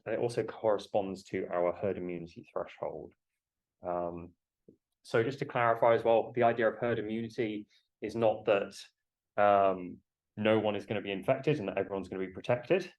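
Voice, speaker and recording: A man lecturing to a class through a face mask while he has a cold, explaining in a halting way and putting questions to students. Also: on the low side, a little mellow, low-quality recording.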